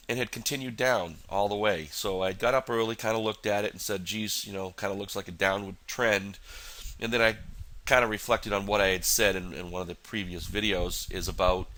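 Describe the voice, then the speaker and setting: A deep-voiced man with a bright, forward edge to his tone, sounding stuffed up and nasal from a cold. He talks through his trades in a loose, rambling way, full of "you know" and restarts. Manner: rambling, many fillers and restarts. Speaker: futures trader. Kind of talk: casual market analysis walkthrough.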